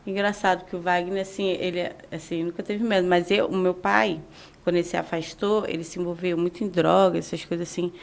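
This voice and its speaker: A woman, a deaconess and podcast guest, adding lively details to a shared story in casual conversation. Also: on the low side, a little fast, gravelly.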